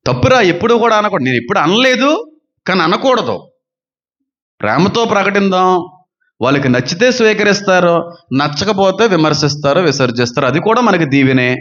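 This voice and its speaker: A man preaching a sermon as a pastor, fervent and full of rhetorical questions, swinging between loud and soft. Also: sits high, very animated. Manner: says he talks fast and gives quick counters. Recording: dull lo-fi sound.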